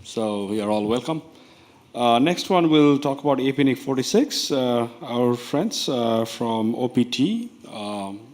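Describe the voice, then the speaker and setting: A man from Nepal chairing a conference session, introducing the next speakers with many pauses. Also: medium pitch, expressive, a little mellow. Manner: hesitant, many fillers.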